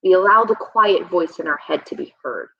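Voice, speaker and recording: A woman's voice: fairly low pitch, animated, moderate pace, creaky, husky. Thirties woman coach rambling along in a chat, lots of ums, kinda muffled dull audio. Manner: reflective, rambling with many ums. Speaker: health and nutrition coach, guest. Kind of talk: casual conversational interview. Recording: slightly dull, lo-fi sound.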